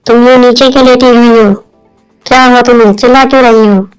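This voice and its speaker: A woman's voice: on the high side, steady tone, brisk, smooth, faint music behind, close to an everyday voice, poor audio. A woman voicing an earnest young man in a cartoon moral story. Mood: worried. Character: dutiful young grown son. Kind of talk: cartoon voice acting.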